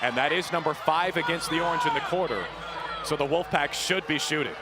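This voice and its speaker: A man in his early twenties works as a sportscaster, offering play-by-play commentary and sports reports in a slightly high, brisk voice. Behind him a loud crowd and clear venue noise can be heard.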